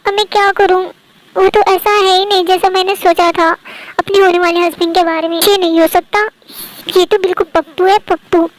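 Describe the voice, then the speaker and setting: A woman voicing a sharp-tongued, scheming young woman in a fan dub, with a snappy, mocking way of talking. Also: extremely high pitch, little pitch movement, a little fast, crowd noise, poor audio. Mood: dismayed. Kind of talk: fan Hindi dub acting.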